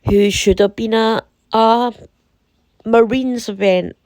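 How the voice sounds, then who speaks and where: Slow-paced British-based woman with a sore throat. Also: on the high side, steady tone, darkish tone, no echo. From United Kingdom. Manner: deliberate, emphatic, repeating phrases for effect. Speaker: commentator reading and reacting to a website. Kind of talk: casual opinionated commentary.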